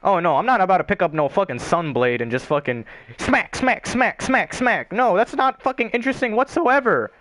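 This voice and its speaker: A man's voice: high-pitched, big pitch swings, a little fast, a bit bright, no room sound. A young man chatting casually on a gaming stream, rambling and swearing with lots of filler words.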